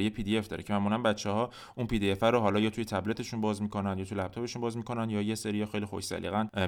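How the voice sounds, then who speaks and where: Low-voiced man teaching a language podcast. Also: clear, resonant tone. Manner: explains patiently, slows down to spell out French examples. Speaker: French teacher. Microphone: podcast microphone.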